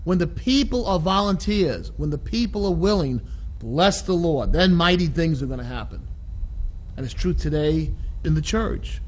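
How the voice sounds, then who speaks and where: A man preaching a sermon as a pastor, deliberate and repeating phrases for emphasis. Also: a little high, expressive, poor audio. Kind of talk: sermon, expounding scripture.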